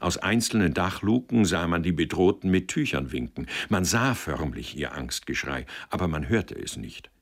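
Deep-voiced man narrating an audiobook. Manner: measured storytelling with vivid, expressive emphasis.

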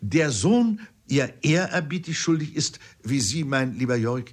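A man's voice: mid-range voice, lively intonation, measured pace, voice pushed up. A man reading an audiobook, voicing a pompous, learned older father who lectures emphatically. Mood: lecturing.

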